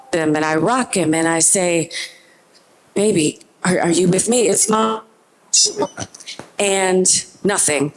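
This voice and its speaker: A woman tells a personal story live on stage in a fairly low voice. Her delivery is emotional, racing through some stretches and slowing to deliberate phrases in others. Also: rough recording. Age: adult with a young child. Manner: emotional, shifting between brisk and slow deliberate delivery. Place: stage at a performance venue.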